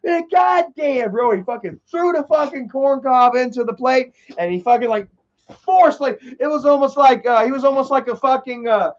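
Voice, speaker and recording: In a very high-pitched voice at normal speed, a man in his thirties rambles through a profane story during a casual livestream chat, packed with fillers and repetition. The stream audio is dull and lo-fi.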